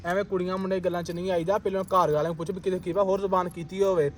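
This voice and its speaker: Fast high-voiced Punjabi man persuading. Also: a little hiss or hum. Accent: Pakistani Punjabi. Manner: persuasive, calming, repeats his point. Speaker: friend giving advice. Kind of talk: staged vlog conversation.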